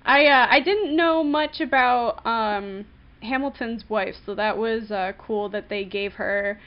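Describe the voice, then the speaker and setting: A woman chatting casually on a podcast with a fairly high voice. She hesitates, fills pauses with ums and likes, and giggles often. The recording sounds dull and lo-fi. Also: clean tone. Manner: hesitant, many fillers, giggly. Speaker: podcast co-host.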